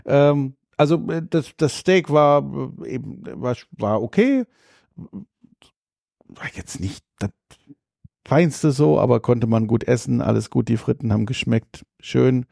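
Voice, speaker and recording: A man's voice: mid-range voice, expressive, slow, creaky, a little mellow, no echo, studio quality. A man in casual chat, critical and opinionated, talking with many fillers. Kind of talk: casual chat about theme parks.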